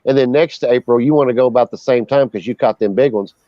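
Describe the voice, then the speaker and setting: A man's voice: mid-range voice, fast talker, no room sound. A man on a group call talking fishing, emphatic and cursing freely, who keeps asking "you know.". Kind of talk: casual group chat. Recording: dry, dull lo-fi call audio.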